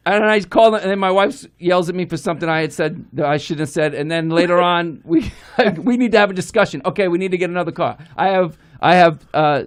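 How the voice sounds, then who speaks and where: A man from Long Island, New York, hosting a live comedy podcast and telling a rambling, profane story. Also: high-pitched.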